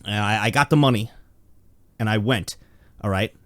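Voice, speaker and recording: A man's voice: lowish voice, normal speed, dry recording. A young man telling a comedic personal story in a casual, stammering way, acting out the voices of the people in it. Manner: animated, stammering, acts out voices.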